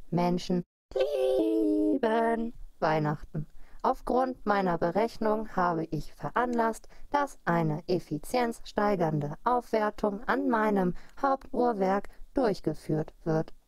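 A woman voicing a cold, calculating female clockwork computer with a metallic machine voice, measured and coaxing. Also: mid-range voice, lively intonation, a little mellow, no echo. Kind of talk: audio story acting.

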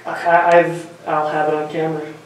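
A man in casual, animated chat with his companions. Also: fairly high pitch, moderate pace. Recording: very noisy, echoey camera audio.

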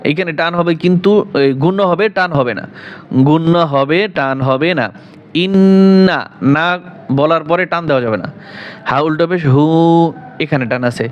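A man with a Bangladeshi Bengali accent teaching Quran reading, spelling out each syllable and then reciting the verses slowly and drawn out. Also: fairly high pitch, lo-fi sound. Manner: slow drawn-out recitation between quick spelling explanations.

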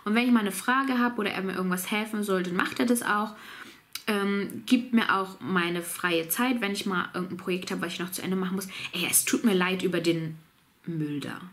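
Fairly quick and mid-range in pitch, this woman in her thirties sits in a small home office answering viewers' questions on camera despite having a cold. She reads the questions aloud, stays relaxed and chatty, and laughs easily.

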